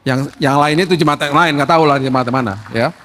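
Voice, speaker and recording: Pastor pria, khotbah santai, suara agak tinggi, gema ruang ibadah yang panjang. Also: male voice, fairly high pitch, fast, a bit bright. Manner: conversational preaching, acts out congregants' pleas. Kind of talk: sermon. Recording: long reverb of a church hall.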